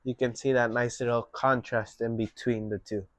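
A young man giving a relaxed, step-by-step painting lesson at his easel. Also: mid-range voice, dry recording, lo-fi sound. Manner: slow, relaxed step-by-step instruction. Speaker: painting instructor. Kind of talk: painting tutorial.

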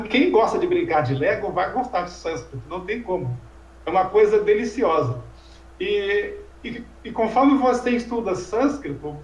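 A high-voiced male Sanskrit teacher explains things in a relaxed, informal lecture-conversation, checking in with tag questions and tossing in rhetorical asides. He is far from the mic, and the room rings with echo.

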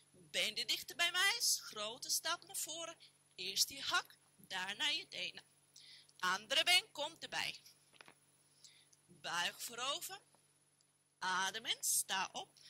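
A woman with a Dutch accent leading a yoga class, giving calm, steady cues timed to the breath. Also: a little high, no echo. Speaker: yoga instructor. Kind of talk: guided yoga class instruction.

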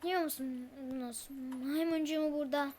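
A young-sounding gamer giving nervous horror game commentary, stammering and muttering prayers to calm down. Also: high-pitched, moderate pace. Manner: mutters prayers when scared. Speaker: gameplay streamer.

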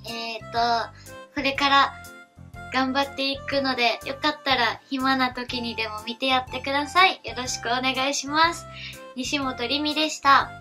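A young woman in her late teens speaks with a Kansai accent in a chatty, giggly, easygoing way. Her voice sits fairly high and rings bright and sharp. Soft music plays faintly behind her. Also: normal speed. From Kansai, Japan. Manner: chatty, giggly, relaxed and rambling. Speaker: newcomer voice actress, vlogger. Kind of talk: casual self-introduction vlog.

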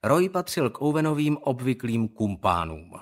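A man reading an audiobook in calm, measured scripted narration. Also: medium pitch.

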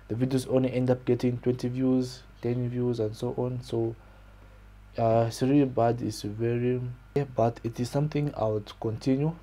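Dark-voiced young Zambian man explaining. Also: mid-range voice. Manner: plain, explanatory, with frequent "okay" and "so". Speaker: YouTuber explaining his channel. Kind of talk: casual screen-share walkthrough. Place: small room indoors, pink-lit wall behind.

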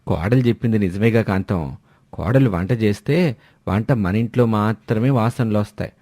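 A man's voice: fairly low pitch, normal speed, dark tone, no echo, natural voice. A man voicing a teasing, easygoing old father-in-law in a cartoon story, joking with his wife.

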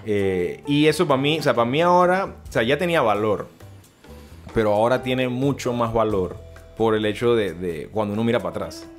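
A man's voice: mid-range voice, moderate pace, faint music behind. A young man with a Panamanian Spanish accent, a podcast host and fitness coach telling stories in casual, slangy chat and laughing often.

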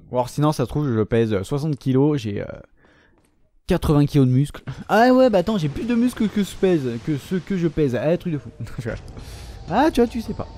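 A young man giving joking, foul-mouthed commentary while playing a video game, often shouting at enemies. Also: medium pitch, a little hiss or hum. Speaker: gaming video host. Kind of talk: casual let's-play commentary.

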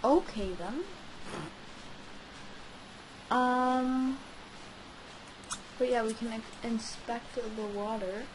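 A woman's voice: fairly high pitch, fairly even intonation, very slow, long pauses. A woman with a sore throat giving casual let's play commentary, rambling hesitantly as if talking to herself. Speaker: gaming host. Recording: clearly noisy home recording.

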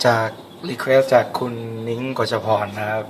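A man's voice: mid-range voice, fairly even intonation, a little slow. A man talking casually to camera as a participant in an amateur challenge video. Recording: very noisy amateur video recording.

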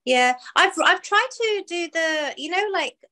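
Her voice is very high and sharp in tone, expressive and measured in pace. She's a Pakistani small business owner in her thirties, a client on a video call from her living room, talking chattily with lots of "you know" and "um."

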